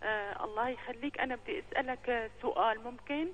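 A woman's voice: a little high, quick pace, a bit bright. A woman from Syria with a Syrian accent, calling in over a phone line and asking a question hesitantly and anxiously. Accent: Syrian Arabic. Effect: heard over a phone line. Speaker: caller. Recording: dull, muffled phone line.

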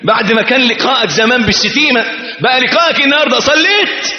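A man preaching a sermon with an Egyptian accent. He is dramatic, swings between shouted exclamations and quiet low asides, and asks the listener questions that he answers himself. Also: animated, racing. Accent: Egyptian Arabic. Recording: echoey hall, dull lo-fi sound.

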